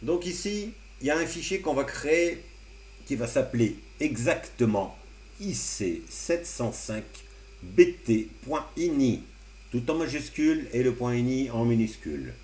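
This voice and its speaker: A man hosting a casual amateur radio tutorial, explaining computer steps one by one with relaxed, joking asides. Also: mid-range voice, normal speed. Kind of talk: casual screen-recorded tutorial. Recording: roomy echo, faint hum.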